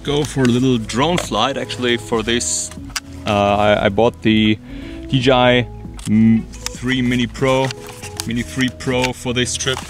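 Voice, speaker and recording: A man's voice: medium pitch, fairly even intonation, unhurried, over music. A man in his thirties, a time-lapse photographer, talking on location outdoors with frequent ums and restarts, the camera at arm's length. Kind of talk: travel vlog narration and on-location talk. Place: outdoors on rocky hillside.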